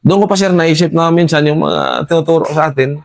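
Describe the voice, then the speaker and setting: A man with a Filipino accent, a soldier recounting a firefight to an interviewer, halting, restarting often and politely addressing his listener as sir. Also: fairly high pitch, gravelly. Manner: deferential, says "sir" constantly, halting with many restarts. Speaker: soldier telling his combat story. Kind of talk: recounting a war story in an interview.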